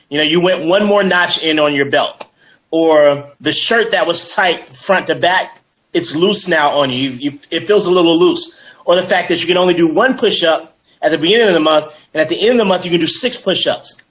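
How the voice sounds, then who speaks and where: A man speaking as a fitness coach in a casual interview, energetic and persuasive, with many fillers like "you know". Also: a little high, low-quality recording. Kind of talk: casual interview on a live stream.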